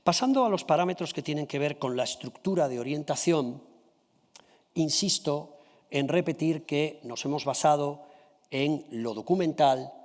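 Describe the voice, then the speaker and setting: A man giving a formal conference presentation of a study. He addresses the audience politely and checks in often with a quick "¿sí?" or "¿vale?". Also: a little high, a little mellow, big-room sound.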